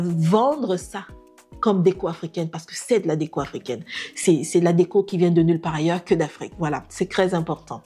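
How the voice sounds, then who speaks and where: A woman's voice: medium pitch, mellow. A middle-aged woman, a decorator, talking unscripted to camera in an earnest way, with many fillers and restarts. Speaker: interior decorator vlogger.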